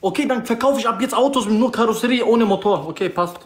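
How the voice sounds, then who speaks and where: High-voiced young man, roomy. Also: fast. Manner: slangy, protesting, repeats phrases. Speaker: live streamer. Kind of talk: heated casual livestream banter. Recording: roomy livestream sound.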